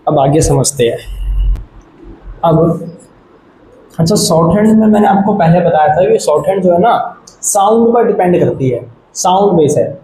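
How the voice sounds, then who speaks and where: A man's voice: high-pitched, expressive, moderate pace, pauses often, dark tone. A man teaching shorthand at a board, explaining step by step and checking in often to make sure his students follow. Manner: patient, repeats "ठीक है" to check understanding. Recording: echoey room, faint background noise.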